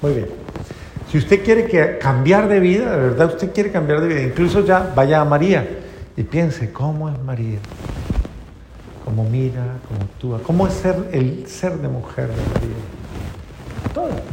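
Man, preacher, sermon, gravelly, rhetorical questions, long hall reverb, faint room noise. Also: fairly high pitch, expressive, moderate pace. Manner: rhetorical questions, drops to soft tender tones. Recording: echoey hall with faint ambience.

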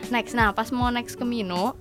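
A woman in casual chat, telling a story in a lively way, acting out the lines she quotes and laughing often. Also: on the high side, moderate pace, music in the background.

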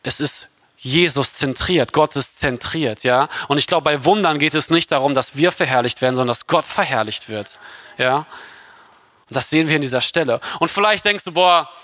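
A young man preaching a casual, conversational sermon, lively and often checking in with his listeners. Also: on the high side, moderate pace, no room sound. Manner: lively, conversational, keeps asking "ja?".

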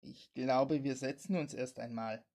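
A woman voicing a male police officer who is a friend and colleague, speaking in a low, husky voice. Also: a little slow, darkish tone, heavily acted. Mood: calm. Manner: teasing then matter-of-fact.

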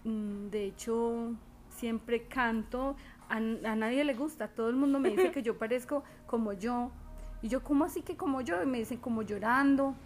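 A woman chatting casually, expressive and animated as she tells stories, softer and musing when she reflects. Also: fairly high pitch, normal speed, faint music behind. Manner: expressive, animated storytelling with put-on quoted voices. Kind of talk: casual chat.

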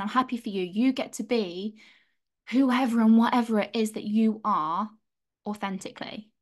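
A young woman hosts a solo podcast in a candid, emphatic monologue. She swears freely and speaks at a middle pitch for a woman. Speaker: podcast host.

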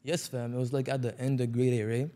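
A man's voice: medium pitch, level tone, fast talker, dark tone. A young man with an urban Toronto accent chatting casually in heavy slang, repeating himself for emphasis. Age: young adult. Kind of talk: casual chat.

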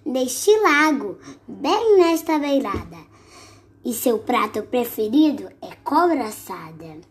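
A woman voicing a small, clever, boastful mouse in a read-aloud storybook, high and excitable. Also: slow pace. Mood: cheeky.

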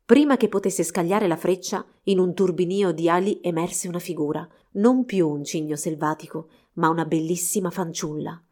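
A woman narrating a fairy tale storybook in a steady, expressive reading. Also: lowish voice, normal speed, few pauses.

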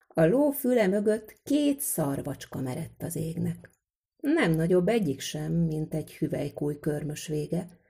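Woman reading a folk tale, gravelly husky voice, lively rhythmic telling. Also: lowish voice. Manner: vivid, rhythmic storytelling. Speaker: storyteller. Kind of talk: read-aloud folk tale.

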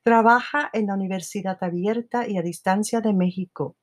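Woman podcast host w/ new york spanglish accent, chatty, laughs a lot, mid pitch. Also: moderate pace. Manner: chatty, laughs often, code-switches into English. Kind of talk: casual podcast monologue.

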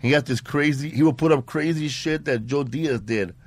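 A man co-hosting a casual podcast, hyping up his guest with loud, slang-heavy talk and frequent laughter. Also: medium pitch, normal speed, dry recording. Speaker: podcast co-host.

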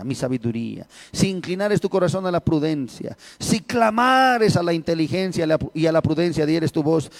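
A male pastor preaching a sermon, repeating words and swinging between raised emphatic lines and low quiet ones. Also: gravelly, no room sound.

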